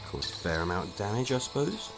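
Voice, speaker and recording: A low-pitched man talks his way through a turn-based game in an easy, chatty let's-play style. He thinks aloud, stumbles over a word now and then, and clear game music plays behind him. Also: big pitch swings, quick pace, rough recording. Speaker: gaming streamer. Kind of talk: casual let's-play commentary.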